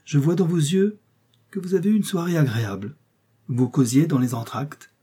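Un homme qui prête sa voix à une femme vive et perspicace, taquine et câline, dans un livre audio. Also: male voice, fairly high pitch, moderate pace, mellow, husky, voice pushed up. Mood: teasing, coaxing. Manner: arch, coaxing, playful. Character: lively shrewd middle-aged woman, teasing invalid friend.

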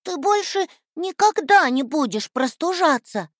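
A man's voice: very animated, measured pace, a bit bright, dry recording, clean studio sound, exaggerated voice. A man voicing a stubborn, hot-tempered wooden puppet boy who pleads and protests. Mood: eager. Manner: shrill, pleading and defiant.

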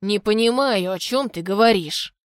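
A man's voice: high voice, measured pace, no echo. Woman narrator voicing a curt, impatient stranger in furs, cold and firm, dry sound. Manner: curt, commanding, louder than the narration.

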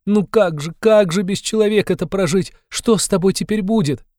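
A man's voice: high voice, normal speed, a little mellow, no room sound, clean studio sound, voice pushed up, close to an everyday voice. A man reading an audiobook, voicing a desperate devout young woman who exclaims and pleads. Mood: anguished.

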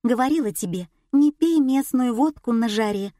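A woman's voice: a little high, expressive, normal speed, warm tone, no room sound, clean studio sound, pitched above the performer's own voice, natural voice. A woman voicing an exasperated wife who laments and scolds in an audiobook. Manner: lamenting, pleading.

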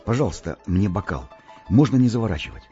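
A man's voice: on the low side, very animated, moderate pace, muffled recording, over music. A man doing an earnest, flustered young lad. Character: eager, awkward young working lad in love. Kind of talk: audiobook reading.

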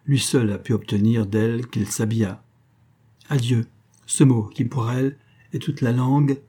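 A man voicing a grieving old male country doctor who tells a sad story in a measured way. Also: medium pitch, warm tone, slightly rough, natural voice.

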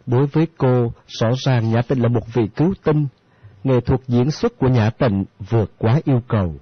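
A man narrates an audiobook in a steady storytelling manner. His voice sounds close and dry, with a slightly muffled tone. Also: medium pitch, normal speed, dry recording.

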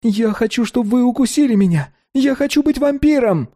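A man narrating an audiobook takes on the voice of an anxious, eager fifteen-year-old who is obsessed with vampires. The mood is pleading; the voice is high and breathless, earnest and rushed, lifting in pitch whenever he gets excited.

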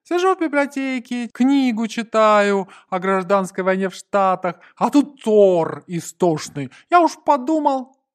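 A man voicing a gruff, grumbling Cuban man who exclaims and complains. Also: high-pitched, sing-song, measured pace, pitched above the performer's own voice.

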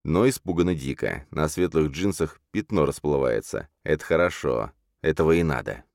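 A man reading a first-person crime thriller audiobook, with a low, dry voice that leaps up sharply for shouted threats. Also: normal speed, creaky, no room sound. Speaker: audiobook narrator.

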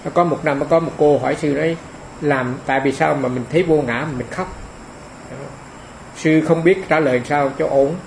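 Man, fairly high gravelly voice, homely dharma talk that circles back on its phrases. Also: moderate pace, a little hiss or hum, poor audio. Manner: homely, repeats phrases for emphasis. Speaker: monk giving a dharma talk.

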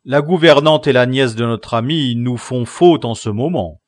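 A man voicing a stern, learned village priest in an audiobook, measured and authoritative. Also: medium pitch, dry recording, clean studio sound, pitched above the performer's own voice, close to an everyday voice. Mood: firm.

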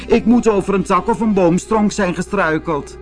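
A man's voice: sits high, normal speed, faint music behind, pitched above the performer's own voice. A man voicing a timid little male mole who is fearful and worn out, in a pleading, trembling way. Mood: eager.

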